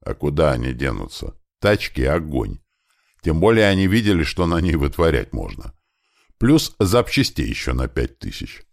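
A man's voice: rumbling low, big pitch swings, normal speed, creaky, full character voice. A man voicing a practical, plain-spoken male mechanic in an audiobook. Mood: matter-of-fact.

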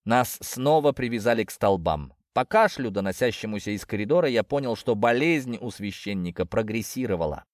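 Lively male audiobook narrator. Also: on the low side, fairly quick, hardly any pauses, no room sound, studio quality. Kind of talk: first-person audiobook narration.

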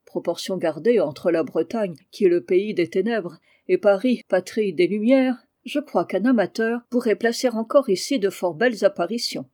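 A reader of an audiobook voicing a small, emphatic male lawyer who spins ghost lore in a mellow voice. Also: medium pitch, normal speed, few pauses, close to an everyday voice. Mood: insinuating. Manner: emphatic, vague, teasing storyteller.

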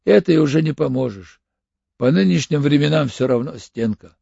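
A man's voice: fairly high pitch, animated, normal speed, gravelly, warm tone, slightly rough, dry recording, full character voice. A male audiobook reader voicing a tired, cynical officer who talks in an offhand, slightly mocking way. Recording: dull lo-fi audiobook recording.

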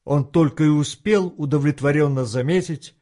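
A man reading a tense novel aloud as an audiobook narrator, with steady, dramatic storytelling. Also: fairly high pitch, normal speed. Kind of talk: scripted narration.

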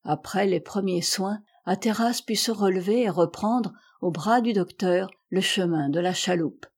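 A woman narrating a classic adventure novel as an audiobook in a measured, steady reading voice. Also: medium pitch, breathy edge. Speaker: audiobook reader.

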